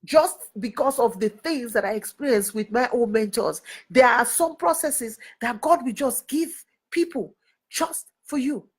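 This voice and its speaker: High-voiced woman mentor, earnest, preacherly, repeats for emphasis. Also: measured pace, breathy edge. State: crying and laughing at times. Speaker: mentor and network leader. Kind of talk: emotional motivational talk.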